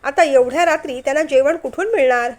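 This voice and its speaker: A kind young woman who keeps pleading with others to come inside, earnest and insistent, as a woman narrator reads her part. Her voice sits high. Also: fast talker, close to an everyday voice.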